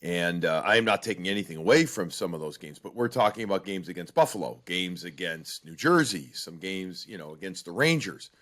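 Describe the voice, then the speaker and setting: Man, sports podcast co-host, lowish voice, lively casual delivery. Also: a little fast, few pauses.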